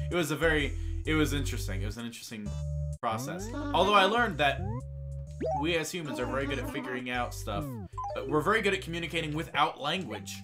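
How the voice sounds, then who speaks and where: Rambling young man over loud music. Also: medium pitch. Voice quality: talks around a tongue piercing. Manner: rambling, self-deprecating, trips over words. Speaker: game streamer. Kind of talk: casual chat while playing a game. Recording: music playing behind the voice.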